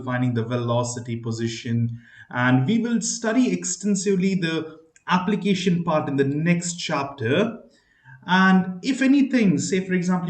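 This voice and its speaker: A man's voice: a little high, darkish tone. Man teaching math in an echoey room. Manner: talks through steps, asks the listener checking questions. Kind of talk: explaining a math lesson.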